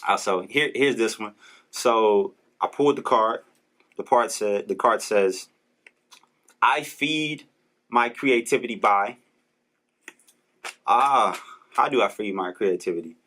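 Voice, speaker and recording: A young man hosts a podcast in a casual motivational talk, his voice sitting low. He speaks, earnest and preachy, stumbling and restarting as his thoughts rush ahead. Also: takes it slowly, pauses often, sharp tone. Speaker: podcast host. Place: Los Angeles.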